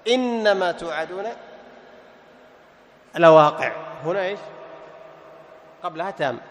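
A man's voice: on the high side, creaky, a little mellow. A man teaching a Quran recitation class, quizzing his students and now and then chanting verses. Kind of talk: classroom lesson with questions to students. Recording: faint noise, long reverb.

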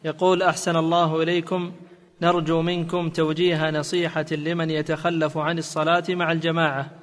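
A man with a slightly high, very flat voice reads out questions in a steady, formal tone. He sits a little off the mic, and a long hall reverb trails each phrase. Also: a little fast. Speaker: reader of submitted questions. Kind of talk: reading questions aloud.

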